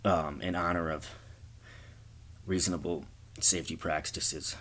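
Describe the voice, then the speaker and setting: A man's voice: low-pitched, steady tone, a little slow, a bit bright, slight background noise. A man rambling through a crude improvised comedy story, joking at his own expense. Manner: rambling, crude, self-deprecating.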